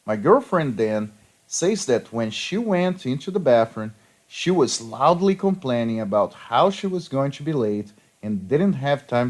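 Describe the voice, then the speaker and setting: A man's voice: medium pitch, darkish tone. A man reading petty revenge stories aloud, with a sarcastic storytelling manner. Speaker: story narrator.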